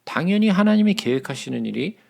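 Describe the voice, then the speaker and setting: Man, a little higher-pitched than most, gravelly; Bible study leader, conversational, keeps asking the room "right?". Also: expressive, quick pace, a little mellow. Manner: conversational, checks in with listeners often.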